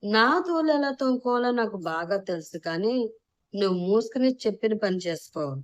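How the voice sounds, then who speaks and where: A woman's voice: medium pitch, lively intonation, moderate pace, highs cut off, close to an everyday voice. A woman voicing a feisty young bride who gives curt orders and threats. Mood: bossy. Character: bossy feisty young bride, sharp-tongued.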